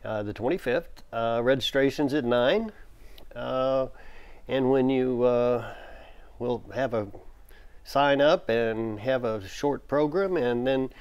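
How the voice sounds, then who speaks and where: A man being interviewed as a guest, answering in a halting way with many pauses and fillers. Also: medium pitch, a little mellow, smooth, lo-fi sound. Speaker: guest, event organizer.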